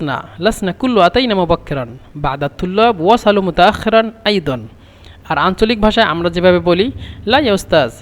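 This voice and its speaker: Male language teacher, high voice, repeats lines slowly and explains them, recorded in a reverberant space. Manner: repeats phrases slowly, then translates and explains. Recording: long reverb.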